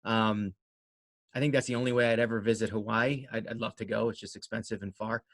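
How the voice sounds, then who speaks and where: A man's voice: lowish voice, steady tone, a little fast, fairly bright tone, no room sound. Rambling, self-deprecating man chatting, dry close sound. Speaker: interview guest, amateur runner and race organizer. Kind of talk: casual conversational interview answers.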